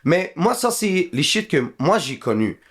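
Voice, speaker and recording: A man's voice: on the high side, big pitch swings, measured pace. A man from northern Iraq, chatting casually as a podcast guest and mixing in English slang. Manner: laid-back, mixes French and English slang.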